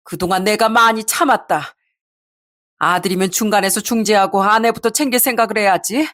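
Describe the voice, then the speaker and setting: A woman's voice: mid-range voice, a little fast, a bit bright, lightly acted. A woman voicing an angry older mother who reproaches her son-in-law with scorn. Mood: enraged.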